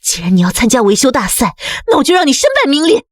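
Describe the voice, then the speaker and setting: A proud, spiteful young academy elite in a motion comic. Her high voice swings widely and carries a breathy edge. The sound is dry and close. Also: huge pitch swings, quick pace, dry recording, exaggerated voice. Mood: scheming. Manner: haughty, spiteful.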